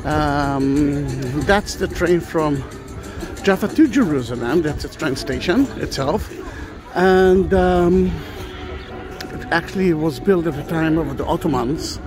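A middle-aged Israeli tour guide leads an unscripted walking tour vlog through the outdoor plaza of an old train station, recorded on a phone or camera carried as he walks. He speaks hesitantly, with many fillers and restarts, in a fairly high, slow voice, with music in the background.

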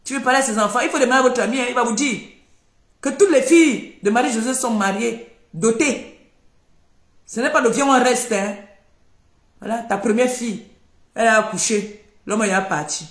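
Older woman, high-voiced accusing rant, echoey room. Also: normal speed, long pauses. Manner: scolding, accusing, repeating herself. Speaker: live streamer. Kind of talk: heated live-stream rant.

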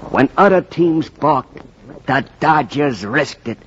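An ancient Brooklyn baseball fanatic, menacing and full of streetwise bluster. He drawls rhymed lines slowly and swoops theatrically up and down. It is a muffled old radio drama. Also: medium pitch, lively intonation. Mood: eerie, boastful. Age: older. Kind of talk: 1940s radio acting in rhymed verse. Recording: muffled, hissy 1940s radio recording.

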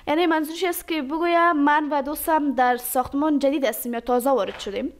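A woman teaching English phrases, saying each example slowly and carefully and then explaining it quickly. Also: sits high, fairly even intonation.

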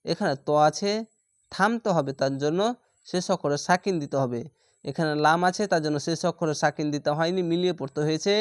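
A man teaching Quran reading, sounding out each letter and syllable slowly and patiently in a step-by-step lesson. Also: on the high side, smooth, no room sound, studio quality. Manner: slow, drawn-out syllable-by-syllable recitation.

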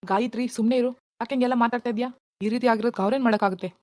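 A woman voicing a calm relative in a cartoon who urges the others to accept fate. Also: a little high, racing, no echo, close to an everyday voice. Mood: scolding. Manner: soothing, then firmly scolding. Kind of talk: animated cartoon voice acting.

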